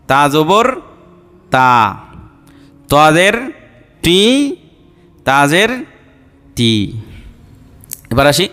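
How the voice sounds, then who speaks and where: A man's voice: a little high, bright, forceful tone, clean tone, long reverb tail. A man teaching Arabic letter pronunciation for Quran reading, repeating each sound and explaining patiently. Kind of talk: slow step-by-step pronunciation lesson.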